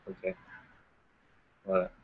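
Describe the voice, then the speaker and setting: A man's voice: drawn-out words, narrow, tinny audio. A man with an English-tinged French accent giving an enthusiastic casual history talk as host, hesitant, full of fillers and repeated words. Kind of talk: casual spoken lecture. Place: Ontario, Canada.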